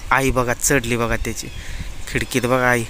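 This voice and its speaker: A man's voice: medium pitch, flat delivery, moderate pace, sharp tone, a little hiss or hum. A man chatting casually to viewers as he films around his farm, pointing things out as he goes. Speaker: village vlogger. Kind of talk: casual vlog narration. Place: outdoors on a farm.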